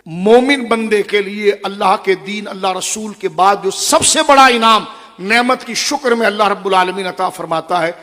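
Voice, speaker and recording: A middle-aged man preaching a religious sermon to a gathering, telling the story with passion and speaking straight to his listeners, his voice moving between loud and hushed. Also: high-pitched. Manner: addresses the audience directly. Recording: long hall reverb.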